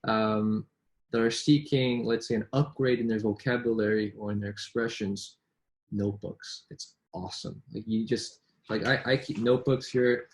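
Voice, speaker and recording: A man born in New York and raised in Vancouver chats casually with colleagues as a business English coach, often restarting and tossing out rhetorical questions. His voice is lowish and fairly even in intonation, at a normal speed.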